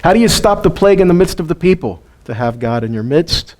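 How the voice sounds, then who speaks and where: Quick-paced and lively in intonation, a man with a fairly high, darkish voice teaches his weekly Torah study. The informal Bible lesson for the live group is conversational, full of questions for listeners and chuckles between points.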